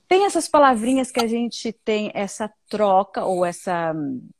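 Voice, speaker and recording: A woman's voice: medium pitch, expressive, takes it slowly, a little mellow, a little hiss or hum. A woman with a Brazilian accent hosting a casual live English lesson, chatting with viewers and mixing English words into her Portuguese.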